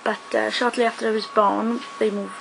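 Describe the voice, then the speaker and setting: A young vlogger from South Wales talks to her close-up webcam in a small room, her slightly high voice creaky and flat at a moderate pace. Her casual chat is full of "um"s and "like"s, and background noise can be heard.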